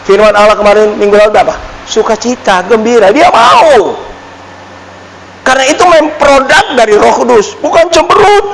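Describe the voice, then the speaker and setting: A pastor preaching a sermon with an Indonesian accent, emphatic, swinging from loud outbursts to low murmurs. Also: male voice, sing-song, normal speed, creaky, slight background noise. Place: church hall. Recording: church hall reverb, faint ambience.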